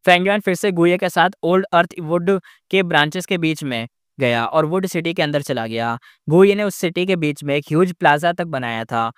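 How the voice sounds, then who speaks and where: A man's voice: on the high side, moderate pace, hardly any pauses, clear, resonant tone, no echo, studio quality. A man recapping a fantasy novel in casual narration, rambling with frequent fillers and restarts.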